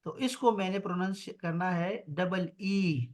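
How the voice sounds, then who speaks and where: A man teaches an online grammar lesson over a video call. His voice sits fairly high, and he keeps a patient, reassuring manner, drawing out and repeating each word.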